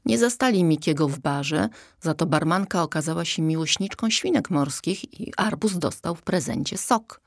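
A woman reading a children's story aloud with calm, even narration. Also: deep voice, normal speed, few pauses, no room sound, studio quality. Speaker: audiobook reader.

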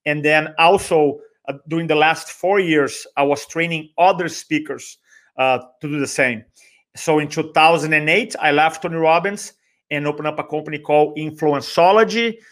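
This speaker and trainer from Brazil, a native Portuguese speaker, is an animated guest in a podcast interview. He speaks with a Brazilian accent in a fairly bright voice pitched a little high for a man, stressing points by repeating words and acting out bits of conversation as his story unfolds.

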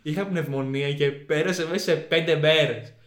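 A man's voice: a little high, fairly bright tone, roomy sound. A young man telling a story in a slangy, rambling way on a casual podcast.

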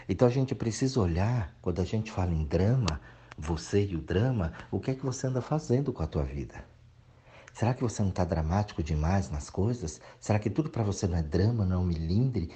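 A man's voice: sits low, mellow. A man from Brazil giving an emphatic, preachy reflective monologue to his regular audience, sometimes mocking whiny voices. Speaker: motivational speaker.

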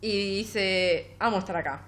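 A woman's voice: mid-range voice, measured pace, a bit bright. A young woman with a Rioplatense Spanish accent chatting casually as she recounts a novel's scenes, quoting the characters' lines in a loose, filler-heavy way. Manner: quotes characters' dialogue in a loose storytelling way with many fillers. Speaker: book discussion co-host. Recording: faint background noise.

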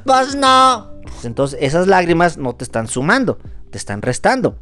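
A man's voice: on the high side, sing-song, brisk, faint music behind. A man giving an earnest, preachy motivational reflection as a podcast host. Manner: earnest, preachy, acts out quoted voices. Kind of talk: motivational monologue.

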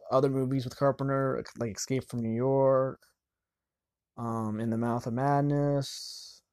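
A man giving casual film commentary, rambling and halting, often restarting mid-sentence. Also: mid-range voice, a little mellow, no room sound, studio quality.

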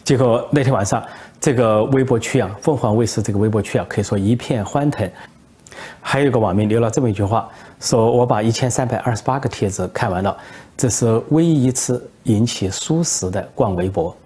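A male political commentator spinning a satirical tale in a relaxed storytelling way, with frequent hesitations. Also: medium pitch, fairly quick, breathy edge.

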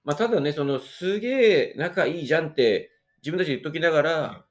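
A man in his thirties with a hoarse, hungover throat, co-hosting a casual comedic chat in a self-deprecating, joking way. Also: fairly high pitch, animated, a little fast. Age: 30s. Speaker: co-host of a two-man radio-style podcast.

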